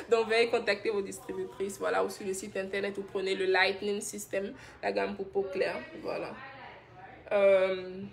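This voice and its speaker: A woman's voice: medium pitch, little pitch movement, normal speed, vocal fry. A woman from Benin, hosting a live stream and chattily answering viewer comments about skincare. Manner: chatty and affectionate, laughs often, reads comments aloud. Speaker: skincare brand host.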